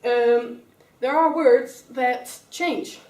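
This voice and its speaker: A young woman with a Dutch accent, working as a student teacher, takes an English grammar lesson step by step and calls on pupils by name. Her voice is on the high side with a darkish tone, and she speaks extremely slowly, recorded from afar in a roomy classroom.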